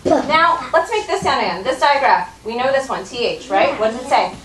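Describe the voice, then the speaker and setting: Brief: American first grade teacher, woman, slightly high voice, patient and encouraging, in a noisy, echoey room. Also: lively intonation, recorded from a distance. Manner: patient, encouraging, slow drawn-out modeling of sounds. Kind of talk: phonics lesson with a child. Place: classroom.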